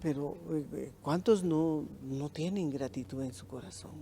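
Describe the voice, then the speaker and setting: A woman's voice: low-pitched, unhurried, a crowd in the background. A middle-aged woman with a Guatemalan accent, co-hosting a church teaching and sharing a testimony, affirming her husband often. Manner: affirming, frequent amens and agreement. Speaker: pastor's wife, co-host.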